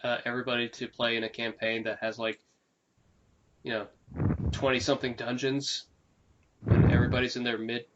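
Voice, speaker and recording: A man's voice: medium pitch, level tone, a little fast, long pauses. Casting note: young man, easygoing co-host, lots of fillers and laughs, casual cursing, slightly dull lo-fi mic with faint hiss. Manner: laughs often, swears casually, rambling fillers. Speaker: podcast co-host. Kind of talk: casual chat.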